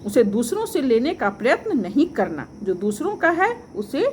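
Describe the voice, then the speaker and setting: A woman teaching an online class, slowly repeating key points and quizzing her pupils. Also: a little high, very animated, a little mellow. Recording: faint background noise.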